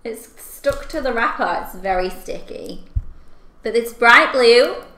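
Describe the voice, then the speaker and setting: A young woman with a fairly high, very animated voice chats casually while eating candy and snacks. She reacts expressively to what she tastes. The recording is made in an echoey room at home. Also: slow. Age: young adult. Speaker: video host. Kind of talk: casual taste-test chat to camera. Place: small furnished room at home, indoors. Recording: echoey room, clear background noise.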